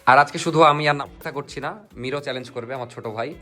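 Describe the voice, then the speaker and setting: A man's voice: mid-range voice, fairly even intonation, very fast, bright, forceful tone. A man chatting casually as the host of a challenge vlog. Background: clear music.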